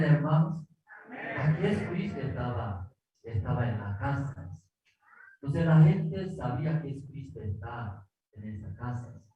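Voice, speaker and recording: Korean-accented male pastor, slow deliberate sermon delivery, fairly high voice, distant mic in a very echoey room. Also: phone-quality sound, a little hiss or hum. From South Korea. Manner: simple, repetitive Spanish with rhetorical questions. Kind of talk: sermon with Bible reading. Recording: distant echoey online service audio.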